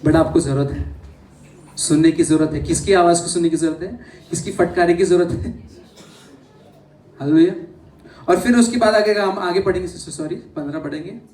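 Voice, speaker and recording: High-voiced man preaching in an echoey hall. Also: moderate pace, long pauses, a little mellow, far from the mic. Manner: asks the congregation many questions, calls out hallelujah; mixes in English words. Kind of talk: sermon. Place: church hall.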